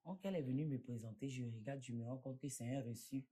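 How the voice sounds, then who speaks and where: A woman's voice: very deep voice, quick pace, dark tone, a little hiss or hum. An actress playing an aggrieved young wife with an Ivorian French accent who plaintively recounts her grievances.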